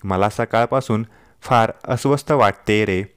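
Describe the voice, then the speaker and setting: A man's voice: on the low side, measured pace, smooth, dry recording, clean studio sound, close to an everyday voice. A man voicing an affectionate, teasing young wife in a told story, playful and pleading by turns. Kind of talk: storytelling dialogue.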